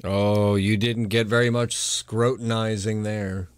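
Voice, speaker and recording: A man running a tabletop roleplaying game as game master, narrating scenes in a relaxed, joking way. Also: fairly low pitch, takes it slowly, smooth, no echo, clean studio sound. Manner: laid-back, joking, laughs often.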